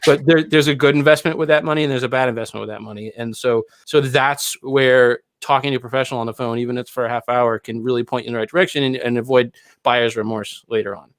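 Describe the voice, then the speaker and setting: A man's voice: medium pitch, fairly even intonation, fast, hardly any pauses, no room sound. A man co-hosting a casual live podcast, explaining things through everyday analogies and checking in with a frequent "right?". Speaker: podcast co-host.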